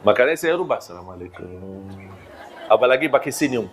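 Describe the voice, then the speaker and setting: A man giving a religious talk, telling personal stories in an animated way and often laughing. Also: fairly high pitch, normal speed, over music, a crowd in the background. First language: Arabic. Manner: animated storyteller who acts out quoted voices, laughing often.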